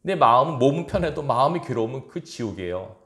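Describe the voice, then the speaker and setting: A man's voice: mid-range voice, big pitch swings, fast, fairly bright tone. A male pastor preaching a fervent, emphatic sermon in a church sanctuary. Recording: roomy church echo.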